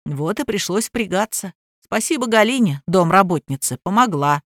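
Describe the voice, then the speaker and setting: A woman reader voicing a stolid chauffeur who speaks in an unhurried, matter-of-fact, colloquial way in an audiobook. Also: mid-range voice, lively intonation, a bit bright, no echo, studio quality. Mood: wry. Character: stolid male chauffeur, calm and plain-spoken. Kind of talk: audiobook character voice.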